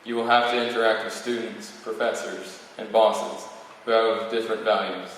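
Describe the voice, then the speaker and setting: Reading his prepared valedictorian speech at a podium, with occasional stumbles, an eighteen-year-old man speaks at normal speed in a fairly low, flat, fairly bright voice. The audience sits in a large, very reverberant hall, recorded by a distant mic with faint noise.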